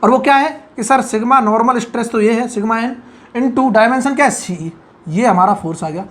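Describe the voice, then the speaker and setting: A man giving a whiteboard engineering lecture. He keeps checking whether everything is clear, repeats key terms and murmurs short asides of praise. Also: extremely high pitch, fairly quick, a bit bright. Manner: keeps asking if it is clear, praises himself with "very good". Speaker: engineering tutor.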